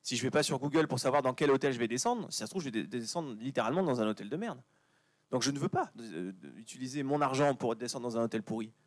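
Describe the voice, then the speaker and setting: A man giving a lively conference talk, chatty and joking with the audience. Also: medium pitch, fast, no room sound. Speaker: conference speaker. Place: conference venue.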